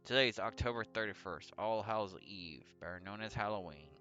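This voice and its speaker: With a fairly low pitch and a sharp tone, this let's play host moves briskly as he reads a visual novel aloud and comments casually. Music plays behind him, the audio is lo-fi, and he occasionally trips over the text and fixes it.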